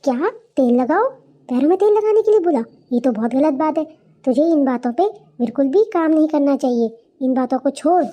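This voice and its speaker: A supportive young female friend in a cartoon story, voiced by a woman. Her voice is high and mellow, and she speaks in a brisk, indignant, advice-giving manner. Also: natural voice. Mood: advising. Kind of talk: cartoon voice acting.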